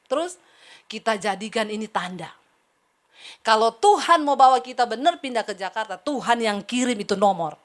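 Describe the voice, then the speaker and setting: A middle-aged woman preaching a sermon, telling a personal story with lively acted-out dialogue and asides to the congregation. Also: fairly high pitch, moderate pace.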